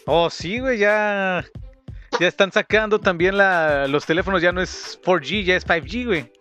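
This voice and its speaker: Dude chatting casual, kinda high bright voice, lots of slang, faint music behind. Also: male voice, normal speed. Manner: slangy, profane. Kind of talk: casual chat.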